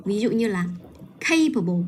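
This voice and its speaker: A woman teaching pronunciation on a livestream, patiently modeling and repeating each word slowly. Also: medium pitch, darkish tone, a little hiss or hum. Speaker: English teacher.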